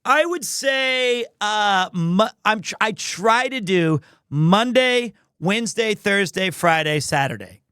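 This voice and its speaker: Guy streamer with a highish voice, dry close sound, rambling playful chat with viewers. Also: expressive, slow pace, hardly any pauses, sharp tone, clear, resonant tone, no room sound. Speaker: livestream host, amateur voice actor.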